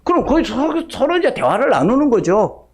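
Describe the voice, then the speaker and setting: A man's voice: very high-pitched, big pitch swings, a little fast, a little mellow, husky. A male pastor preaching a sermon in a church, firing rhetorical questions at the congregation and acting out what people say. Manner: acts out quoted speech in shifting voices. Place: church sanctuary.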